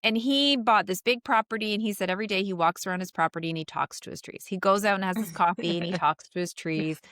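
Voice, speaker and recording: A woman co-hosts a relaxed podcast conversation, speaking with earnest emphasis and a mid-range pitch. Her pace moves freely between quick and drawn-out. The recording is dry and close. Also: dry recording. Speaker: podcast co-host and coach.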